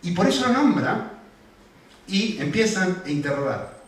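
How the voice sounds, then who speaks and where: A man preaching a sermon as pastor, animated and full of rhetorical questions, then soft when he tells personal stories. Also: sits high, measured pace. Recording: echoey hall, distant mic, faint noise.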